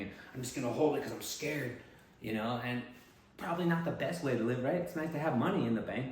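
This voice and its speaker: A man, a political candidate, musing in a rambling, digressive monologue with frequent "right?" checks. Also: medium pitch. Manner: digressive, musing, tag questions. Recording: echoey room.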